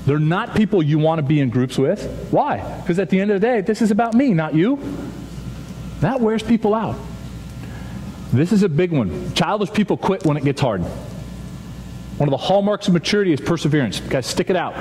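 Lively man speaking in a big hall. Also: high voice, a little fast. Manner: animated storytelling, acts out quoted voices. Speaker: youth chapel speaker. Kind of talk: chapel talk to students. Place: large dark auditorium with stage. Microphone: stage microphone, seen from far back. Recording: reverberant hall, faint audience noise.

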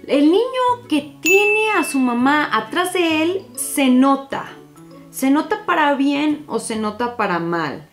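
A woman's voice: sits high, slow, soft background music. A young adult woman, a former teacher giving parents advice in a casual vlog, telling stories and acting out the dialogue. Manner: animated storytelling, acting out dialogue with children.

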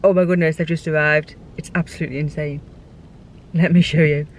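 A woman in her thirties talking to a handheld camera from inside her car and out on a windy coast, chatty and excitable about the weather. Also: deep voice, fairly quick. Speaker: travel vlogger. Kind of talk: casual vlog narration. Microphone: phone or camera held at arm's length.

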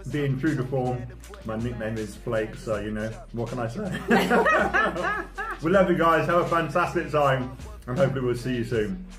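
A man's voice: mid-range voice, huge pitch swings, normal speed. A man sending a self-mocking wedding message from a living room, in an echoey recording. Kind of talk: casual video message. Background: music.

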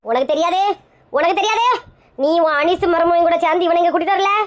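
A woman with a Kanyakumari Tamil accent playing a hot-tempered, balding middle-aged aunt who scolds and shouts insults in a slang comedy sketch. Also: very high voice, fast. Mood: furious.

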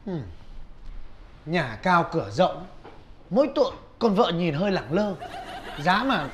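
A man playing a boastful young laborer who brags loudly. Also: sits high, big pitch swings, unhurried, slight background noise, exaggerated voice. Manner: bragging, bossy, loud. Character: boastful broke male laborer, young adult.

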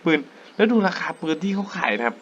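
Excitable young man narrating a game. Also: sits high, quick pace, a little hiss or hum. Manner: excitable, jumpy exclamations. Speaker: gaming YouTuber. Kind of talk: casual let's-play commentary.

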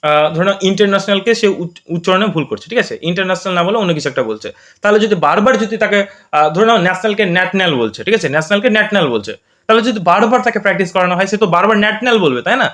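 Fast-talking, high-voiced male tutor. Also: lively intonation, a bit bright. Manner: explains step by step with frequent checks like "okay?". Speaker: teacher. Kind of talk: exam prep lesson.

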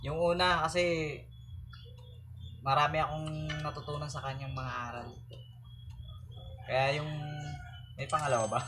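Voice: medium pitch, fairly even intonation, measured pace, long pauses, a crowd in the background. A young friend in a casual vlog, giving teasing, joking answers to questions about love life. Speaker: friend being interviewed. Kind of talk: casual chat.

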